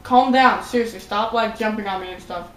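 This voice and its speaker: A young woman joking with a friend while playing a video game, teasing and unhurried. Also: mid-range voice, fairly bright tone, echoey room. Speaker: gamer.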